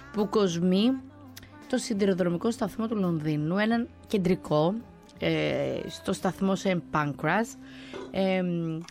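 Chatty woman host over soft music. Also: lowish voice. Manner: conversational, with frequent hesitations and restarts. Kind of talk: casual radio chat. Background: faint music.

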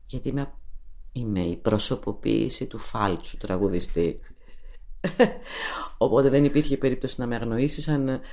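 A woman's voice: a bass voice, dark tone. A woman from Crete, a journalist, answering casually in a self-mocking way and laughing easily. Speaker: journalist guest.

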